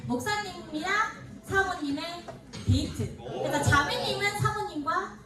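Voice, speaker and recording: A woman hosting a church youth event, making playful, animated announcements over a PA microphone. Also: very high-pitched, unhurried. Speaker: event host. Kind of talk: lively casual announcements. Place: church hall. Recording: echoey hall from far off, with music and crowd. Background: loud music and crowd.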